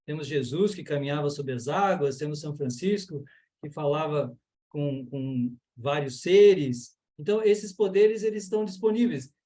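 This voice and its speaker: A man's voice: on the high side, moderate pace, dark tone. A Brazilian man teaching yoga and mantra in an online lecture, explaining earnestly with many fillers over a video call.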